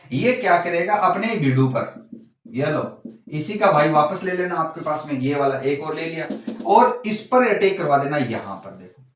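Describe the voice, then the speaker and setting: Male lecturer, fairly high voice, chatty, quizzes the class; heavy room echo, far from mic. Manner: chatty, keeps asking the class questions. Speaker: chemistry teacher.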